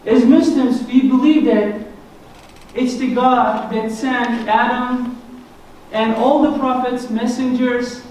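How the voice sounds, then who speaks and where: A man's voice: very high-pitched, steady tone, slow pace, darkish tone. Turkish-accented man lecturing in an echoey hall. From Turkey. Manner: earnest, explanatory, self-deprecating humor. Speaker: guest speaker. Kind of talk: church presentation on Islam. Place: church hall. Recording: echoey hall, mic from a distance, faint noise.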